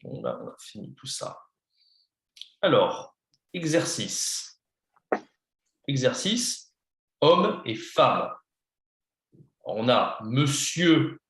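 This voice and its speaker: A man's voice: medium pitch, sing-song, very slow, long pauses, fairly bright tone, roomy sound. A man teaching a beginner French lesson, patient, spelling words out letter by letter and slipping into English to explain. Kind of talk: one-on-one beginner lesson, slow and repetitive.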